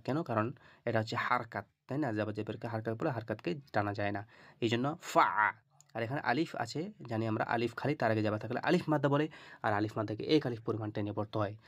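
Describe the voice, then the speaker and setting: A man's voice: medium pitch, a bit bright, no room sound, studio quality. A man teaching Quran reading, spelling out letters and vowel marks step by step and often checking "okay?". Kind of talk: lesson on reading Arabic letters.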